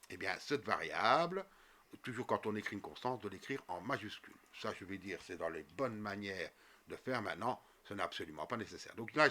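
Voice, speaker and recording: Man, programming tutorial, bright voice, lively pitch, talks through each step with fillers, keyboard typing behind. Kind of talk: screen-recorded coding tutorial.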